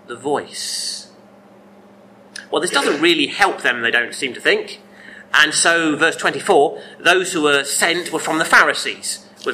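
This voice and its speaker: A man's voice: a little high, sharp tone, slight background noise, poor audio. A man preaching a sermon, earnest and emphatic, often asking rhetorical questions.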